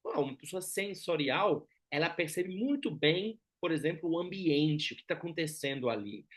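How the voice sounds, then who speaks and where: German-accented man lecturing, slightly high voice. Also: animated, normal speed. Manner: didactic, with frequent check-in tag questions. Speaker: Enneagram teacher. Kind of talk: explanatory lecture.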